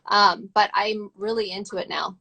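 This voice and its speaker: Woman on a phone video call from home, mid pitch, kinda creaky fry, rambly, says like a lot. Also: steady tone, moderate pace, bright, forceful tone. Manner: chatty, rambling, full of "like" and acted-out quotes. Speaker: guest on a livestream chat. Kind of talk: casual chat. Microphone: phone on a live video call.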